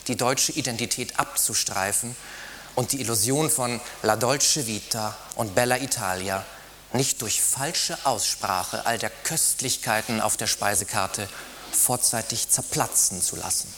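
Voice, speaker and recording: A man's voice: mid-range voice, a bit bright, slight background noise. A man giving a scripted satirical narration with a wry, ironic storytelling manner.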